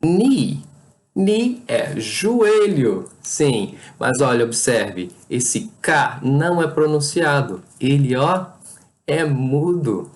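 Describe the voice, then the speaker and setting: Brazilian Portuguese accent, pronunciation lesson, unhurried delivery, pitch swinging up and down, repeats words patiently. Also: very animated. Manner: patient, repeats each word several times; over-articulates sounds for demonstration. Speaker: English teacher.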